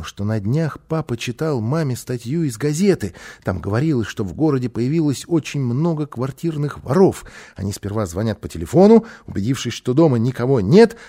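A male narrator reading a children's story aloud with lively, expressive delivery. His voice has a gravelly, husky grain and an animated, wide-ranging melody that carries the scenes along. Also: medium pitch. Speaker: audiobook narrator.

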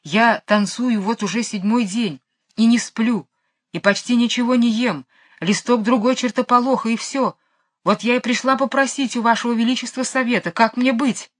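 A woman's voice: a little high, fairly even intonation, moderate pace, voice pushed up, natural voice. A woman reading a storybook aloud, voicing a plaintive female cow who cannot stop dancing. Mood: pleading. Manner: plaintive, complaining. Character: gloomy lovesick cow dancing nonstop, female.

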